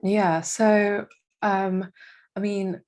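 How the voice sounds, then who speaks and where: A woman's voice: mid-range voice, flat delivery, extremely slow, a little mellow. A young woman from Indonesia, a freelance marketing manager, answering interview questions in a casual, hesitant way with many fillers and restarts.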